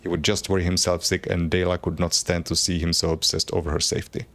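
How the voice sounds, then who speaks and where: A man's voice: low-pitched, level tone, quick pace, a bit bright. A man streaming a game, reading lore aloud in a plain, unacted voice with casual asides.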